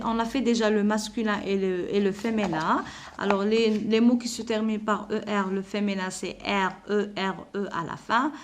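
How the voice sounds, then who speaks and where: A woman teaching a primary school lesson. She repeats words slowly, spells out letters and sounds, and slips in Arabic words to explain vocabulary. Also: mid-range voice. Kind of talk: slow classroom lesson explanation.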